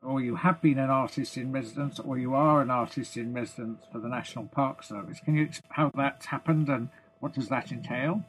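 A man's voice: mid-range voice, brisk, hardly any pauses, a bit bright, rough recording. A British man interviewing a guest, asking long questions with many ums and repeated words.

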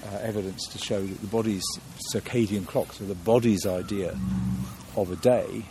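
A man's voice: on the low side, steady tone, moderate pace, background noise. A man from London, a guest in an interview, talking thoughtfully with many restarts and fillers.

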